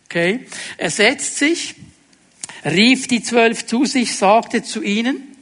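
A man preaching a sermon, asking his listeners direct questions and dropping to a hushed voice for emphasis. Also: very high-pitched, expressive, slow pace, big-room sound. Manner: dramatic, drops to a hushed voice for emphasis.

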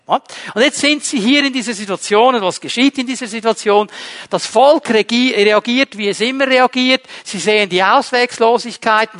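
A man preaching a sermon, lively, asking the congregation rhetorical questions and moving between loud emphasis and hushed passages. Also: high voice.

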